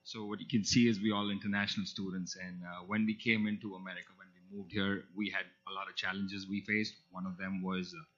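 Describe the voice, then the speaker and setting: Deep, husky man. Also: flat delivery, brisk, hardly any pauses, a bit bright. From India. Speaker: student pitcher. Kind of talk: team startup pitch. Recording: slightly muffled event audio.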